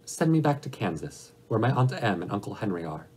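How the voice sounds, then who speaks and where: A man's voice: medium pitch, big pitch swings, fast, a little mellow, slightly rough, pitched above the performer's own voice, poor audio. A man voicing a small, meek young girl who speaks in an earnest, simple, pleading manner.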